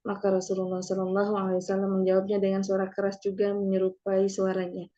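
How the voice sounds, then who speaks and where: A woman reads passages of a hadith aloud in a religious lesson at a steady pace. Between readings she gives brief replies to her teacher. Her voice sounds slightly muffled. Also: mid-range voice, quick pace. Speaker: student reading the hadith text.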